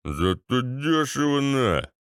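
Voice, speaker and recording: A man voicing a drunk, boorish ex-paratrooper with a bassy, slurred, swaggering delivery. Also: big pitch swings, slow, smooth, no echo, clean studio sound. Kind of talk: audiobook character voice.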